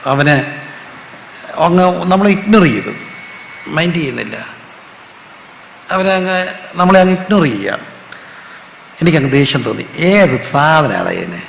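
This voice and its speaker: A man's voice: on the high side, creaky, fairly bright tone. Man, pastor, call-and-response sermon, long hall reverb, faint background noise. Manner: asks the congregation questions and has them repeat answers.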